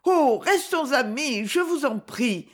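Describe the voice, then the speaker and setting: Woman reading as a sad young lady, wistful and downcast, higher voice, lively lilt. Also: unhurried. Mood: timid.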